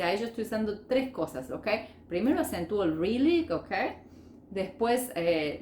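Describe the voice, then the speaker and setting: A woman teaching an online language lesson. She keeps checking in with her students and slows down to model example phrases. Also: medium pitch, darkish tone, roomy sound, a little hiss or hum. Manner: checks in constantly with "ok?" and "sí?". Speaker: English teacher.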